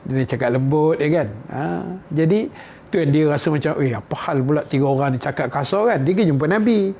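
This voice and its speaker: A Malaysian man with a somewhat high voice gives an easygoing religious lecture, asking his listeners questions as he goes. He puts the quotes into casual everyday speech, with a faint ambient hum behind him. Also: a little fast, warm tone. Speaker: religious teacher.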